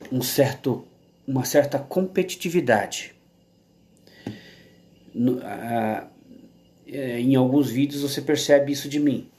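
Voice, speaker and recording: A man with a Brazilian Portuguese accent vlogs to camera in a casual, unhurried monologue, rambling with many restarts and tag questions. His voice is mid-range and a little mellow.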